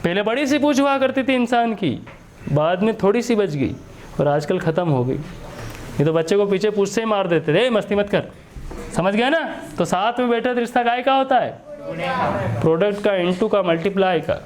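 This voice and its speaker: A maths teacher with an Indian accent and a high voice. He keeps asking the class questions and answers them himself. He repeats each step and switches between Hindi and English terms. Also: expressive, moderate pace. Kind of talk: classroom lesson.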